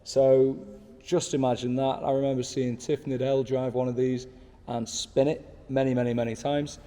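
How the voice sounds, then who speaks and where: A man's voice: medium pitch, flat delivery, normal speed, warm tone, long reverb tail. A man in his thirties, talking casually to camera from his desk, enthusiastic and rambling with asides. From United Kingdom. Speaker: car channel host. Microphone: small pocket camera.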